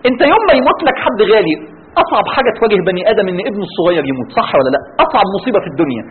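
An Egyptian man preaches at a rapid clip, his voice high and swinging widely in pitch. He keeps throwing rhetorical questions at his listeners. The recording is thin and phone-like, with faint background noise. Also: breathy edge. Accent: Egyptian Arabic. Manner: animated, rhetorical questions to the audience. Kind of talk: religious lecture. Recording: tinny band-limited with faint noise.

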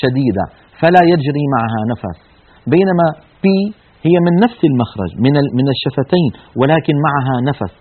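Husky male teacher over tinny audio. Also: medium pitch, lively intonation, fast. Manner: methodical, demonstrates sounds and mispronunciations. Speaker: Quran recitation teacher. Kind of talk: recorded lesson on letter articulation.

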